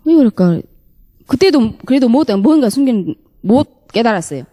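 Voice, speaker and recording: A woman's voice: on the high side, very animated, moderate pace, mellow. A woman giving an earnest church testimony, telling her story in a rush and acting out her own past words. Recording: long hall reverb.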